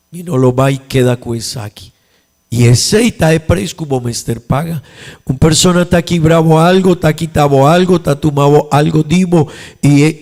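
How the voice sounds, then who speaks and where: A man's voice: on the high side, darkish tone. A man with an Aruban accent, a pastor preaching a sermon in a church, repeating his points with emphasis and rising in volume on key lines. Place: church sanctuary.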